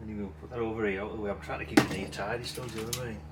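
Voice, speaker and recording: A middle-aged hobbyist video host with a fairly low, steady voice talks fast over a background crowd. He rambles chattily and without a script while sorting old parts, swearing mildly in a blunt way and tossing in tag questions.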